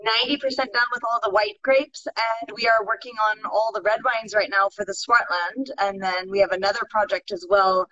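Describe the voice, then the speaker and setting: A winemaker from California, speaking with a Californian accent, fluently tells her story as a guest in an interview over a video call. Her medium-pitched voice is bright and forceful, fairly even in intonation, at normal speed with few pauses, though the lo-fi call audio sounds dull.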